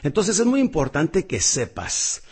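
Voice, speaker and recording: A husky-voiced man teaches public speaking as a motivational coach. His delivery is very animated, with wide leaps in pitch. He jumps from loud bursts to hushed asides and calls the listener "champion". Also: a little slow. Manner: addresses the listener directly as champion. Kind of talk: motivational lesson.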